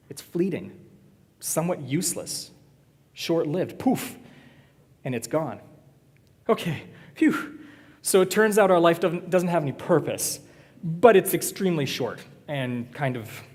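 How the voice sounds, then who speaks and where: A man preaches in a church, easygoing and quick to joke with his congregation. His voice sits a little high for a man. A long reverb from the sanctuary trails each phrase. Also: a little mellow. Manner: conversational, joking with the congregation. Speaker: pastor. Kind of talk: sermon.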